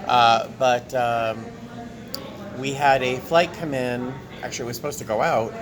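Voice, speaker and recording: A man's voice: medium pitch, fairly even intonation, a little slow, a crowd in the background. A tired man chatting casually to his handheld camera as a flight attendant vlogger, recorded in an airport terminal. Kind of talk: casual vlog chat to camera. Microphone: handheld camera at arm's length. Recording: clear airport background noise.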